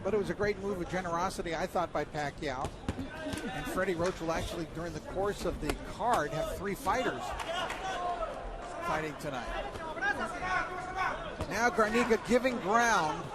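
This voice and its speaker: A man's voice: high voice, normal speed, pauses often. A man calling a boxing match as a live play-by-play commentator at ringside. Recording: noisy arena, loud crowd behind.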